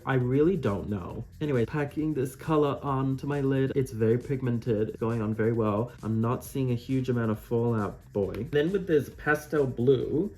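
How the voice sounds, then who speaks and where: A man's voice: mid-range voice, darkish tone. A man with a campy, wry manner, chatting through a makeup tutorial with playful asides. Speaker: makeup reviewer and drag queen.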